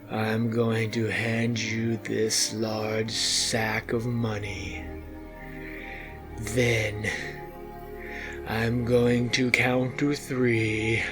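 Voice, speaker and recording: A man voicing a creepy male stranger who lurks in an alley, speaking low, slow and hushed.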